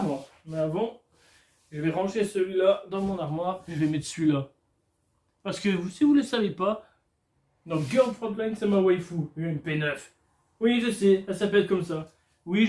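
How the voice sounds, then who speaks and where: A man's voice: high voice, expressive, moderate pace, darkish tone, echoey room. A man alone at home, chatting casually and crudely to his camera while unboxing. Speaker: vlogger. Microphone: camera filming him.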